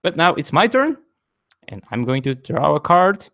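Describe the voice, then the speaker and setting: A man with a non-native English accent explains the rules of a board game while live-streaming from his home table, his voice sing-song, a bit bright, and at normal speed, with lots of rise and fall in pitch. He often corrects himself and chats with viewers between turns.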